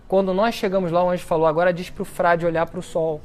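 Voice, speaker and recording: A man giving a storytelling talk to an audience, acting out the quoted speech with lively shifts in his voice. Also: sits high, quick pace. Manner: animated storyteller who acts out quoted speech. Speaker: speaker at a book launch talk. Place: lecture event before an audience.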